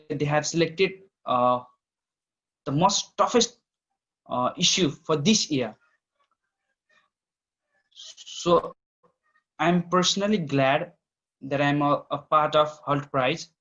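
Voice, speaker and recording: Halting Nepali-accented man, dull lo-fi audio. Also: medium pitch, fairly bright tone. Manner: halting, hesitant phrasing. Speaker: campus director giving welcome speech. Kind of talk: informal speech in an online event. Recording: dull, lo-fi online call audio.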